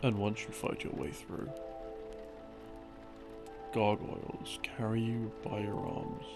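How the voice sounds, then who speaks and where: Soft music plays behind a man with a low, deeply gravelly voice who rambles gently toward sleep as an audio creator portraying a boyfriend. His intonation is lively, and he explains from memory in an unhurried, halting, musing way that trails off.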